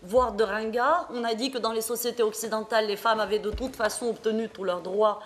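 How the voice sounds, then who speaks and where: A woman from Morocco speaks at a small public debate in a rather high voice. She is earnest and halting, filling her pauses and restarting her sentences as she thinks. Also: fairly even intonation, a little hiss or hum. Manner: earnest, hesitant, many fillers and restarts. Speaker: panel speaker.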